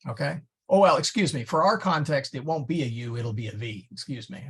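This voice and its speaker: A man's voice: mid-range voice, expressive, a little fast, fairly bright tone, husky. A man teaching a Latin class in a casual, chatty way, often stopping to correct himself. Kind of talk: classroom lecture. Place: church classroom.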